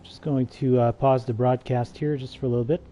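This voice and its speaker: A man's voice: medium pitch, fairly even intonation, brisk, dark tone, a little hiss or hum. A man streaming a game, giving casual, hesitant commentary with many fillers and restarts. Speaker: gaming livestreamer.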